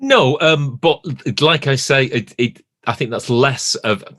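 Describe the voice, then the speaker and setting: A man's voice: mid-range voice, unhurried, a bit bright, no room sound, studio quality. A man chatting casually as a podcast co-host, often restarting phrases as he thinks aloud.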